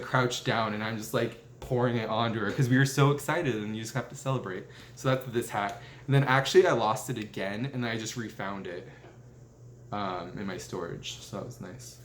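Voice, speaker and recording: A man's voice: mid-range voice, slight background noise. A young man in his twenties chatting casually as a vlogger, rambling through stories with lots of "like" fillers and self-corrections while sitting at a table indoors. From United States. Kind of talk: casual rambling show-and-tell. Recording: roomy echo with faint ambience.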